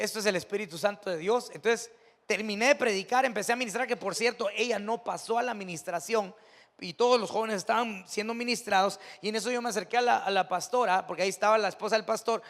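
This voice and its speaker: A man's voice: high-pitched, a bit bright, in a large hall. A man with a Mexican accent preaching a sermon as pastor, telling stories in a conversational way that builds to emphatic preaching. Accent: Mexican Spanish. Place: church sanctuary.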